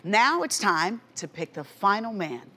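A middle-aged American woman hosting a dating show, announcing names and reveals with drawn-out emphasis to a studio audience. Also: medium pitch, sing-song, bright, forceful tone, husky. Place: large TV studio with live audience. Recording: studio with music and audience noise. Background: music and audience applause.

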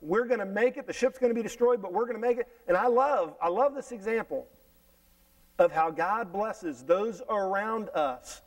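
Animated, high-voiced man preaching a sermon. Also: moderate pace, far from the mic, rough recording. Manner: animated, repeats words and restarts phrases. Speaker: pastor. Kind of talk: sermon reading and explaining scripture. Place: church sanctuary stage, indoors. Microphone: headset mic.

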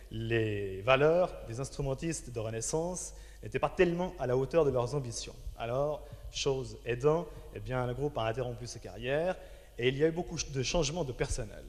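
A man in his thirties hosts a television music show, speaking at a medium pitch with measured, formal phrasing. The sound carries the long reverb of a studio. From Switzerland. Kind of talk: presenting and interviewing on a music programme. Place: television studio with band instruments. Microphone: handheld microphone.

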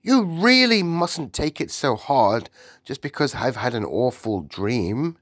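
A woman's voice: low-pitched, sing-song, takes it slowly, no room sound, studio quality, voice pushed up, exaggerated voice. A woman voicing an imperious, well-bred Queen in an audiobook, with grand, emphatic, exclamatory delivery. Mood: sharp, insistent.

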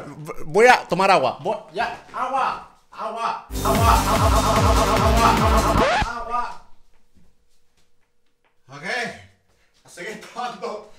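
A young man talking casually to camera, animated and exclaiming as he reacts. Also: fairly high pitch. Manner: animated, exclaims and groans at gross flavors. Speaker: YouTuber. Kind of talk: casual vlog, challenge commentary.

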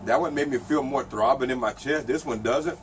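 A man's voice: medium pitch, brisk, slight background noise. A middle-aged man chatting casually to camera while his mouth and throat burn from spicy food. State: mouth and throat burning from hot pepper. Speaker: pepper challenge host. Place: outdoors in a front yard. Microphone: camera a few feet away.

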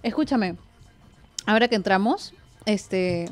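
In a small indoor radio studio with a boom-arm microphone, a woman in her twenties with a Peruvian accent hosts a casual live chat, playful and informal. She speaks slowly and expressively at a medium pitch, with faint music behind her.

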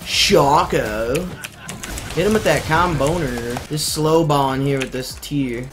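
A male streamer giving live gameplay commentary, excitable and slangy, swearing often and breaking into sudden yelps. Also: fairly high pitch, slow pace, background noise.

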